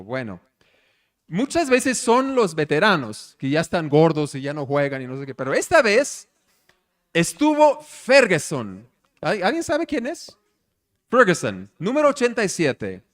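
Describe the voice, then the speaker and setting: Lively, animated male pastor preaching. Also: on the high side. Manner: animated storyteller, asks the congregation questions. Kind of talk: conversational sermon. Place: church service.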